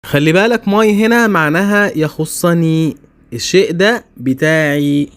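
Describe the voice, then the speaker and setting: A man with an Egyptian Arabic accent teaching a beginner English lesson, saying each English word slowly and twice for learners. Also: on the high side, clear, resonant tone.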